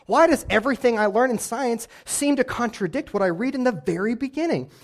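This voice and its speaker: A man's voice: extremely high pitch, brisk. A man, a pastor preaching a sermon in a casual storytelling way, often acting out his own thoughts. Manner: animated, conversational storytelling with acted-out inner voice.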